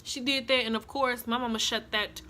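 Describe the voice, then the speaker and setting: Young woman, higher voice, bright and forceful, chatty storyteller. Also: moderate pace. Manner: chatty, animated storytelling with asides to viewers. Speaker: vlogger. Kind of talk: casual storytime.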